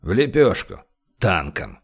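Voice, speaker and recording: A man's voice: deep voice, wildly swooping pitch, takes it slowly, husky, pitched below the performer's own voice, exaggerated voice. A man voicing an eager young anarchist who answers bluntly and offhand in an audiobook.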